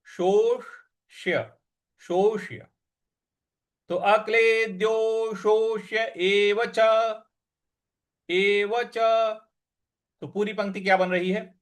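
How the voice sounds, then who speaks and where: A man teaching Sanskrit recitation, chanting verses slowly and drawn out, then explaining patiently and briskly. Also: sits high. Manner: patient, instructive. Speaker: scripture teacher.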